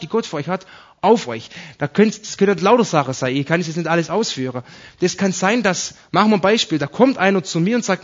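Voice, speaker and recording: A man's voice: sits high, lo-fi sound. A man preaching a sermon, explaining Bible verses to his congregation in a conversational way.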